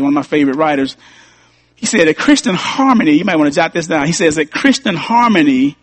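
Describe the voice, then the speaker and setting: A man's voice: fairly high pitch, slightly rough, no room sound. A man preaching a sermon as pastor, repeating key lines and rising to emphatic peaks.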